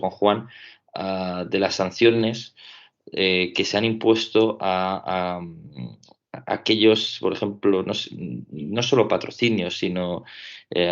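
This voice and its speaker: A man from Spain, a podcaster, debating casually and thinking aloud with many fillers and tag questions. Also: deep voice. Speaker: podcaster and panelist. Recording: dull lo-fi audio.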